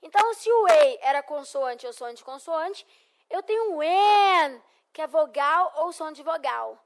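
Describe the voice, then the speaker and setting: A young Brazilian woman with a Brazilian Portuguese accent, an English teacher giving a recorded lesson. She is encouraging and repeats phrases slowly for students to echo. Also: high-pitched, expressive.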